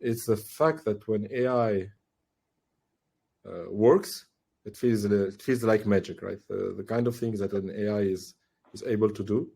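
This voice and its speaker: A man's voice: fairly low pitch, a little slow, creaky, warm tone, husky. A man in his forties from Tunisia, a podcast guest talking thoughtfully with many fillers and restarts. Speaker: guest, AI director. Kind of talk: casual podcast interview.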